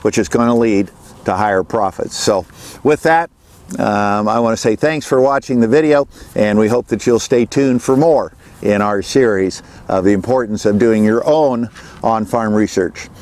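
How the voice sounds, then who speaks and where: A farmer from Western Illinois, kneeling outdoors in an open field, explains his field trial in a plain, halting way with many fillers and repeats. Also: lowish voice, darkish tone. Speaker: farmer presenting on-farm research. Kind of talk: informal field demonstration to camera. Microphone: camera at a few meters, kneeling speaker.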